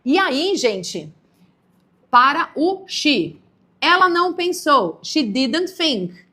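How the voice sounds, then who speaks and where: A woman's voice: sits high, sing-song, extremely slow, pushed and bright. A woman from Brazil teaching English grammar in a live online lesson, explaining patiently and checking in with viewers often.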